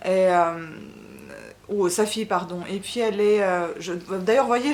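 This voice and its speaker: A Ukrainian-born woman chats through a casual book review in French, her second language, pausing often and restarting her sentences. Her voice sits at an ordinary mid pitch. A faint hiss of background noise runs under the recording. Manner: hesitant, many fillers and restarts. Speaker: book vlogger.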